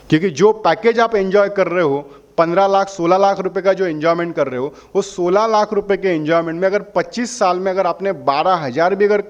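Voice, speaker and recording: A high-voiced man, recorded with dull audio, represents a holiday membership company and explains a sales pitch to customers. He answers their questions and persuades them by posing questions and answering them himself.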